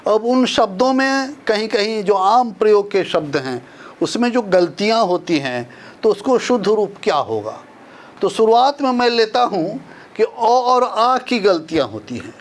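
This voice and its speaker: An older man teaching a spelling lesson, explaining slowly and repeating each example. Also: high-pitched, very animated. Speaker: Hindi teacher.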